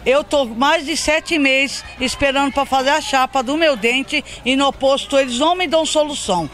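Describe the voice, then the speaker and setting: A woman's voice: high-pitched, normal speed, fairly bright tone. A middle-aged woman speaking bluntly about local health care in a street interview, into a handheld mic outdoors. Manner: blunt complaint, then gratitude. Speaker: patient interviewed. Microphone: handheld reporter mic.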